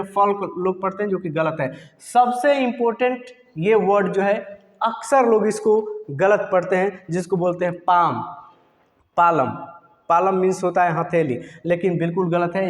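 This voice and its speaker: A man teaching English pronunciation in a lesson, drilling words and asking rhetorical questions. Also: high-pitched. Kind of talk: classroom-style lesson. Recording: echoey room with long reverb.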